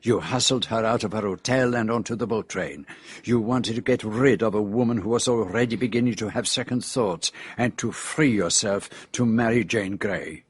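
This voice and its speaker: In a radio drama, an actor voices a shrewd, courteous foreign detective with a Belgian French accent, explaining in a precise, measured, self-assured way. His male voice is on the low side with a breathy edge and no echo, and the mood is grave and accusing.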